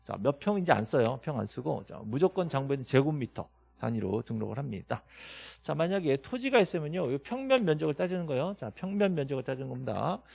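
Male instructor, animated pitch and dark tone, drills students with rapid questions, dry close sound. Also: creaky, breathy edge. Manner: lively, emphatic, quizzes students with quick questions and answers. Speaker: real estate law instructor. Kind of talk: classroom lecture.

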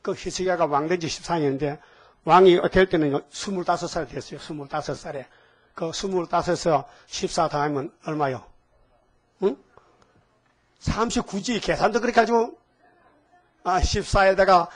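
A man's voice: high-pitched, husky. A man in his seventies preaching a sermon in a folksy way, asking the congregation questions and adding homely asides. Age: 70s. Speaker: pastor. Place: church hall.

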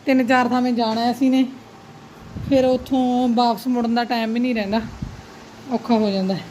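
A woman's voice: level tone, fairly quick, dark tone. A middle-aged woman, chatting casually to a family vlog in a dramatic, exclaiming, grumbling aunty manner. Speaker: vlogger. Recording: noisy, with vehicle-like background rumble.

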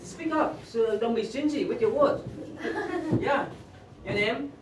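A middle-aged man takes roll call in a youth class, speaking simple broken English in a very high, unhurried voice and urging the students to speak up. A far camera at the back of the small classroom picks him up with echo, background noise, and teenagers chattering.

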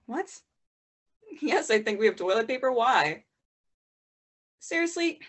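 A chatty teenage theatre girl, played by a young woman, rambles and corrects herself as she talks. Her voice sits a little high, and the sound comes through a video call. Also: sing-song, unhurried, a bit bright, exaggerated voice. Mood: exasperated. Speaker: lead actor in a monologue. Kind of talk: stage monologue over video call.

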